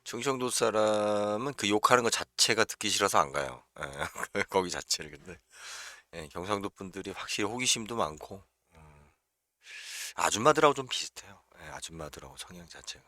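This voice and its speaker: Blunt, chatty man with bright voice. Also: on the low side, normal speed, no echo, clean studio sound. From Chungcheong region, South Korea. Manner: chatty, blunt, frequent filler "예" and chuckles. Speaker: real estate livestream host. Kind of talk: casual livestream talk.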